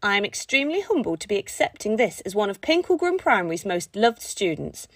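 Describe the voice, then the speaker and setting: A woman's voice: mid-range voice, very animated, fairly quick, no echo. A woman voicing an arrogant young schoolboy who speaks in a haughty, pompous upper-class voice in a storybook reading.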